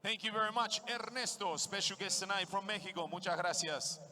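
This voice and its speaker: A male ring announcer at a live fight night, calling out to the crowd with a high, ringing voice. His delivery is bright and forceful, with the booming, crowd-working style of a stadium host. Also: brisk. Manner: booming, crowd-working, greets audiences in many languages. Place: boxing stadium.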